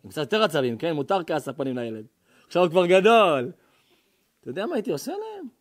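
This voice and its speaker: A man, a rabbi, giving a fiery sermon to an audience, shouting warnings and acting out dialogues. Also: a little high, sing-song. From Israel.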